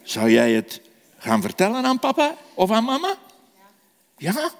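A man tells a story to children as a sermon and keeps asking them questions. His voice is high, lively and gravelly, and he speaks slowly. A long echo hangs on every word. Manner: animated, asks the children questions. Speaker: children's preacher. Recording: echoey hall reverb.

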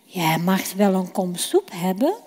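A woman voicing a calm, scheming younger brother who bargains coaxingly. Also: fairly low pitch, measured pace, slightly rough. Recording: reverberant hall.

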